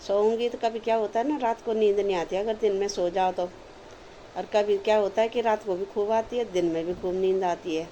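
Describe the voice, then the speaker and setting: A woman's voice: medium pitch, fairly even intonation, brisk, mellow, highs cut off, a little hiss or hum. A woman chatting homely to her viewers in a casual home cooking vlog. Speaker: lifestyle vlogger.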